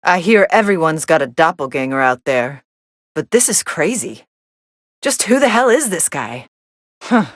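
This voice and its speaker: A woman's voice: low-pitched, no echo. A woman playing a cool, sardonic young female android fighter commentating matches in an anime video game, with a dry, sarcastic delivery. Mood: wry, coolly amused.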